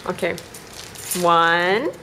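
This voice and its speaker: A woman's voice: on the low side, very slow, pushed and bright. A woman in her twenties chatting casually and playfully behind the camera of a home video, often giggly. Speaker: camera operator and commentator. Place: living room, indoors. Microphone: handheld camera, behind it. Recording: faintly noisy home video.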